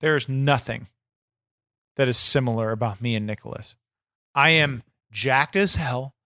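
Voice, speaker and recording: A man plays a boastful, embittered wrestler on a comedy podcast, cursing crudely and getting irritated in improvised chat. His voice is medium-pitched, smooth and sharp, delivered at a measured pace in studio quality with no room sound.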